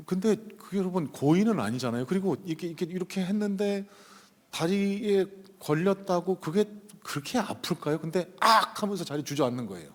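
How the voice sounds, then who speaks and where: A man's voice: high-pitched, animated, brisk, mellow. A male pastor telling a personal story in a sermon, conversational and full of hesitant fillers, speaking from the pulpit of a church sanctuary. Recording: long reverb of a church hall.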